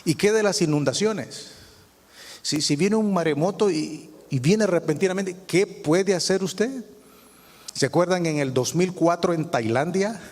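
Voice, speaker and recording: A man's voice: high voice, unhurried, darkish tone. A male pastor preaching a sermon, asking the congregation rhetorical questions. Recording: long hall reverb.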